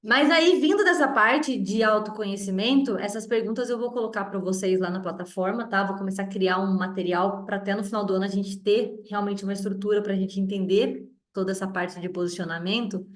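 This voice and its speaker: A woman's voice: medium pitch, fairly quick, hardly any pauses. A woman in her thirties with a strong voice, chatting directly as she leads a group meeting. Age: 30s. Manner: chatty and direct, with many restarts and tag questions. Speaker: mentor leading a group meeting. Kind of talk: casual teaching talk. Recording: roomy echo.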